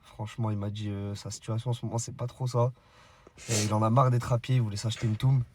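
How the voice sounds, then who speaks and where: A fast-talking man chats casually in French suburban street slang. There is clear noise behind his voice. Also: on the low side, level tone. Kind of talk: casual chat. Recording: clearly noisy background.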